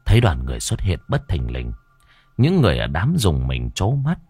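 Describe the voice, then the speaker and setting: A man narrating a ghost story in a dramatic way, slowing down for tense moments. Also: deep voice, wildly swooping pitch, darkish tone, husky, no room sound. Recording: dry close voice with faint background music.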